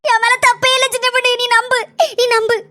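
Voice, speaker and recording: A woman's voice: very high voice, little pitch movement, fairly quick, sharp tone, dry recording, clean studio sound. A woman voicing a scheming mother-in-law who pleads her innocence with a Kanyakumari Tamil accent, repeating her words insistently. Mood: pleading. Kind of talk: cartoon voice acting.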